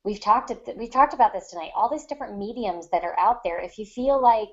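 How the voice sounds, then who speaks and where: A fiction writer co-hosting a podcast gives writing advice in a casual discussion, speaking emphatically and explaining as she goes. Her medium-pitched voice is darkish and fast. The online audio sounds dull and lo-fi.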